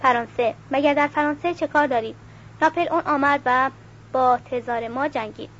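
A woman's voice: high-pitched, a bit bright, lo-fi sound. A woman reading the lines of a blunt male Russian cavalry soldier on the march.

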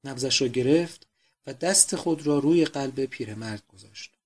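A man narrating a novel aloud in a steady, measured reading voice. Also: mid-range voice. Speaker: audiobook narrator. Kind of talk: scripted narration.

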